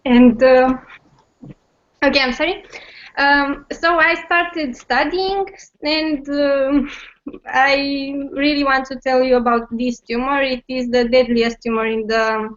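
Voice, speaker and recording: A young woman speaks slowly and haltingly, her pitch slightly high. She is a medical student presenting over a muffled video call. Her delivery is full of fillers and little nervous laughs. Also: fairly even intonation. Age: young adult. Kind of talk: conference presentation. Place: home at night. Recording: dull online call audio.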